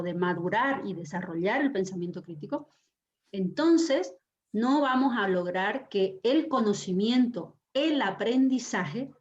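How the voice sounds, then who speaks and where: A woman teaching an online class, very expressive and emphatic, drawing out key words for weight. Her voice sits at an everyday middle pitch. It comes through a video call microphone with dull, lo-fi sound. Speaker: university lecturer and session host.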